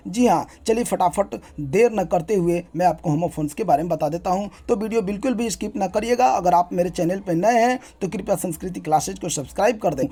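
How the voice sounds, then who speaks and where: A young man teaching an English grammar lesson, spelling out words letter by letter and explaining them in a brisk, repetitive teacherly way. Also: high-pitched, warm tone, slightly rough.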